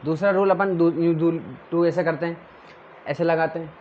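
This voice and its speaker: A man's voice: on the high side, fairly even intonation, normal speed, highs cut off, slight background noise. Man teaching grammar to a class. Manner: drilling, question-and-answer with students.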